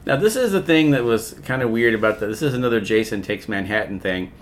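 A man's voice: mid-range voice, animated, fast, a little hiss or hum. A man co-hosting a casual podcast, retelling a movie plot in a loose, profane way. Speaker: podcast co-host.

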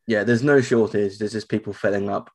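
A man's voice: lowish voice, steady tone, fairly quick, darkish tone. British man, ropey voice with swollen tonsils. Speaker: podcast co-host. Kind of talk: casual chat.

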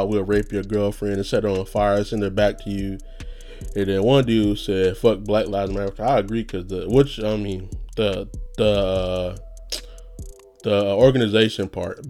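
In a loose, profane monologue, a young man rambles on casually and laughs frequently. His voice is lowish and darkish, with a slight nasal quality.

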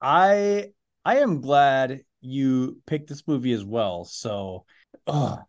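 A man's voice: medium pitch, lively intonation, takes it slowly. A man from Canada co-hosting a podcast over a video call, joking and rambling with lots of fillers. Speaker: podcast co-host. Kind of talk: casual chat.

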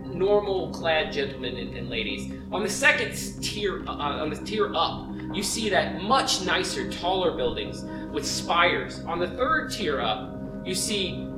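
Male game master, halting descriptive tabletop narration, mid pitch, recorded off-mic with music underneath. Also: sing-song. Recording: roomy, distant mic under loud music.

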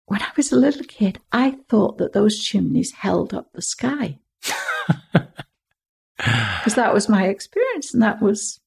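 An older woman from England, a podcast guest, telling vivid childhood stories expressively and hushing her voice for suspense. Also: mid-range voice, a little slow, gravelly, pauses often, slightly rough. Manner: expressive, dropping to hushed tones for suspense.

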